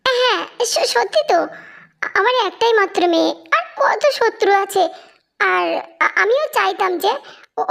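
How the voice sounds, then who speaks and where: Anxious, hesitant mother, stammering in a high voice, for a fan audio drama, a narrator puts her on. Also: vocal fry, fairly bright tone, heavily acted. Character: anxious soft-spoken mother of a daughter.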